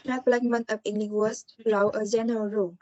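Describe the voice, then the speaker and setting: A woman student presenting on word stress, reading examples slowly, one word at a time. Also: medium pitch, level tone, darkish tone, no echo, highs cut off.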